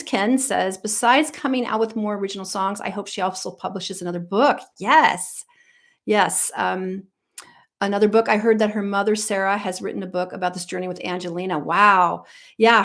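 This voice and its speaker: On a livestream, an American vocal coach in middle age reads viewer comments aloud while chatting casually. She rambles, with lots of ums and restarts, in a mid-range voice.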